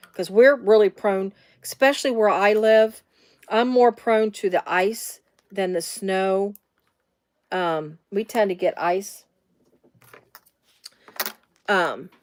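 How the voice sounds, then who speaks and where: Broadcasting live from her home sewing room, a middle-aged sewing tutorial host from the Midwestern US demonstrates casually while rambling into tangents full of fillers. Her voice is medium-pitched and a little mellow, with no room sound.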